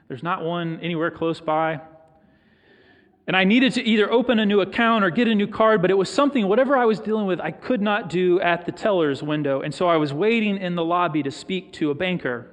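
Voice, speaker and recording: A middle-aged man delivers a sermon, shifting into personal stories with thoughtful pauses. His voice sits fairly high for a man. The sound carries the long reverb of a large church sanctuary. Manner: storytelling, reflective, with pauses for emphasis. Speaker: pastor.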